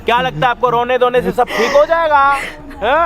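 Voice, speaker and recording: Sneery accuser guy, high voice, sarcastic digs, man acting. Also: a little fast. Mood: taunting. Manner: taunting, sarcastic.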